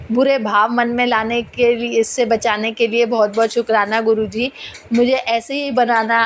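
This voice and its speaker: Earnest woman with a slightly high voice. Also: a little hiss or hum. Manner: earnest, halting storytelling. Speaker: devotee sharing a testimony. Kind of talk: personal spiritual testimony.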